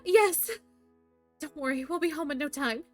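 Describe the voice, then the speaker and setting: A woman's voice: high-pitched, moderate pace, soft background music, natural voice. A woman voicing a flippant, sarcastic young woman. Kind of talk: reading a visual novel aloud with voices.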